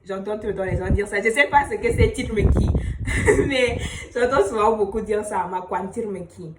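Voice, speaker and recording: A woman giving a casual spoken language lesson, explaining patiently, saying example phrases slowly and letting her sentences trail off quietly. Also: mid-range voice, background noise. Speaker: language teacher. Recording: roomy echo, voice a bit far from the mic.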